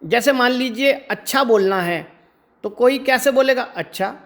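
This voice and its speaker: A man's voice: very high voice, fairly bright tone. A man teaching an exam-prep lecture. He explains step by step and often checks in with rhetorical questions. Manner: stretches words slowly to demonstrate pronunciation. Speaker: Hindi teacher.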